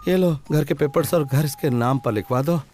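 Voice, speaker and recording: A man's voice: fairly high pitch, normal speed, a little mellow, slight background noise, close to an everyday voice. An actor dubbing a blunt young man in a Hindi movie, talking offhandedly. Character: young man, touchy about loud voices.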